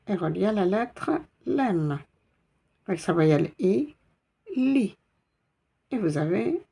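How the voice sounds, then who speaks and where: A woman's voice: on the low side, creaky, darkish tone, husky. A woman teaching an Arabic reading lesson step by step, patiently spelling out letters and repeating sounds.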